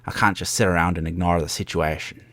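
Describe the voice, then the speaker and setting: A man voicing a gruff, proud and stubborn pirate captain from a video game, with piratical turns of phrase. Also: sits low, fairly even intonation, fast talker, fairly bright tone. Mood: resolute. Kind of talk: video game dialogue read-aloud.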